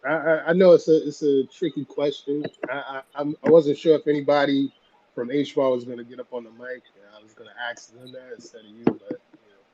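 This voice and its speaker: A man's voice: mid-range voice, fairly even intonation, brisk, a crowd in the background. A man hosting a casual live audio chat. He stumbles over repeated words as he starts, and sounds distant and muffled, as if his phone is across the room. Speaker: host asking a guest questions. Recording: distant dull lo-fi phone mic.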